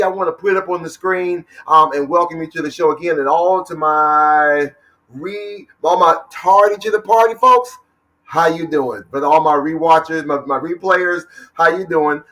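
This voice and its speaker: A man hosting a lively livestream show, hyping up viewers and calling out their names. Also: fairly high pitch, far from the mic, poor audio. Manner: energetic, hypes up viewers, calls out names. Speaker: talk show host.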